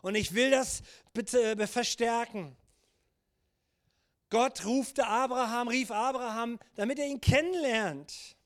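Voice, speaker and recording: A pastor preaching a church sermon in an earnest, urging way, dropping low and soft when he speaks God's words. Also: slow. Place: church service.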